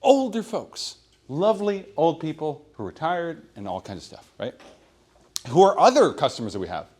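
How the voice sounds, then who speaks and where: A man giving a sales training talk at a meeting, projecting loudly and checking in with "right?" after his points. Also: on the high side, sing-song, normal speed. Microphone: room microphone.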